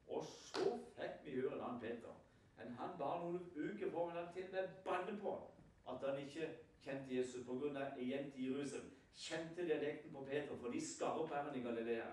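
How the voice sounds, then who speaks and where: Man, sermon, storytelling preacher, rhetorical questions, higher-pitched voice, heavy hall echo. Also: darkish tone. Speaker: lay preacher. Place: prayer house hall. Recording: very echoey hall, far from the mic.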